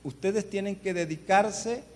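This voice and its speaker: A man preaches a sermon to his congregation, his fairly high voice carrying through a long church reverb with faint noise behind. He tells his stories earnestly and keeps turning to address the listeners directly. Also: unhurried. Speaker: guest pastor.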